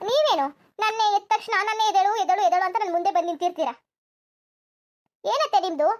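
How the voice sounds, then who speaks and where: A woman's voice: very high-pitched, expressive, quick pace. A woman voicing a lazy, sleep-loving young daughter-in-law in a cartoon comedy, cheeky and argumentative. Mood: arguing. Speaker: narrator addressing viewers.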